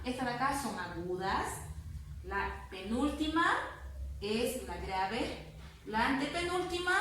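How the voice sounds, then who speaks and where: A woman teaching a grammar lesson, explaining patiently and repeating words slowly syllable by syllable. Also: high-pitched, fairly bright tone, recorded from a distance. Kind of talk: spanish grammar lesson to students. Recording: very echoey room, voice off-mic with faint noise.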